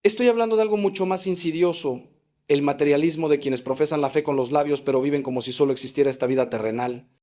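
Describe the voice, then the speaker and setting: A male priest delivers a sermon in a somewhat high voice. His preaching is emphatic, swinging up for stress and dropping low at the ends of phrases. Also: fast talker, darkish tone. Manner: emphatic preaching with sweeping rises and falls.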